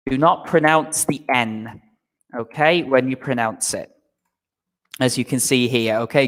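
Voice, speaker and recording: A man's voice: mid-range voice, a bit bright, in a large hall. A man teaching an English vocabulary lesson to a live online class, patient and repetitive, checking in with "okay?" after nearly every point. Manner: patient, repeats "okay?" often, slow explanations.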